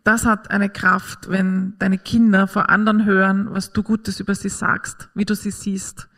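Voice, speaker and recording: A woman delivers a faith-based parenting talk in an earnest, encouraging manner. Her pitch sits in an ordinary middle register. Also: level tone, unhurried, fairly bright tone.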